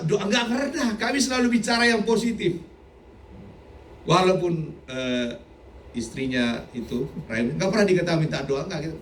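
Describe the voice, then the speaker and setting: A middle-aged man preaching a sermon as a pastor, animated, sometimes shouting and often laughing. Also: a little high, slight background noise. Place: church hall. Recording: echoey church hall, mic from a distance.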